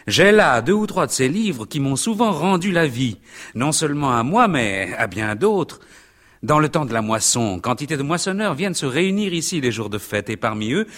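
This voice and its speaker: A man's voice: on the high side, sing-song, moderate pace, fairly bright tone, pitched above the performer's own voice. A man voicing a simple, book-loving middle-aged innkeeper in an audiobook. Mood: enthusiastic. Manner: hearty, stubborn.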